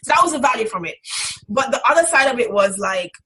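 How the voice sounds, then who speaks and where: A young woman from the Caribbean islands speaks fast and animatedly in a fairly high, fairly bright voice. As a graduate student instructor in a reflective interview, she is candid, strident, and emphatic. The recording is rough, with background noise and clicks.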